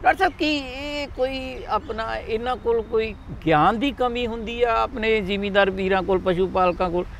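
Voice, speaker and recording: A man with a Punjabi accent hosts a farm talk show. His voice sits fairly high, and he keeps drawing his guest out with quick check-ins. A faint hum runs in the background. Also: fairly even intonation, vocal fry. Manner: leading, frequent "hai na" check-ins. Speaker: host.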